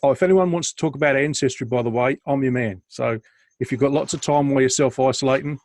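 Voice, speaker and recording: A man's voice: mid-range voice, fast, darkish tone. A man, co-hosting a podcast in a casual chat over a video call. He tells stories in a chatty, self-deprecating way and laughs often. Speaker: podcast co-host.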